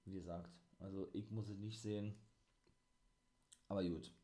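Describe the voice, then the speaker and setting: A man's voice: sits low, normal speed. A man hosting a wrestling review, talking casually and rambling with lots of fillers. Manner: enthusiastic, excitable. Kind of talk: casual monologue recap.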